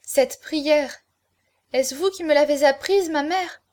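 Woman reading a proud young girl losing it, intense, pleading then haughty, kinda high voice. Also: unhurried. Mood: anguished. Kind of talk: audiobook character reading.

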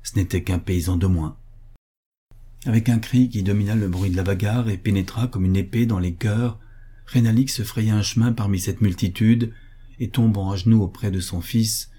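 A man narrating a story as an audiobook, in a grave, measured way. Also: lowish voice, fairly even intonation, warm tone, slightly rough.

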